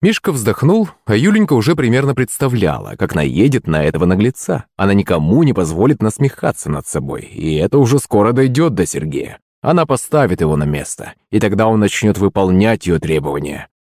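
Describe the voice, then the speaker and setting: A man with a fairly low voice narrates an audiobook in the first person. He reads at a steady, even pace. The sound is close and dry, with no room reverb. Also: fairly quick, hardly any pauses, slightly rough.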